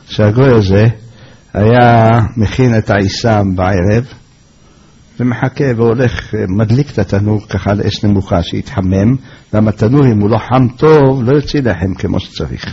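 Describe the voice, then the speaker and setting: A man telling an oral folk tale in a lively way, acting out the characters' lines. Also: on the low side, slightly rough. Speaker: storyteller. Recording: dull lo-fi recording.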